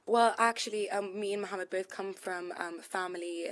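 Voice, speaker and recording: A woman's voice: mid-range voice, fairly even intonation, normal speed, fairly bright tone. Chatty young woman. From London. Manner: chatty, full of "um" and "like" fillers. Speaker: e-boutique co-founder and buyer. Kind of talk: casual interview answers.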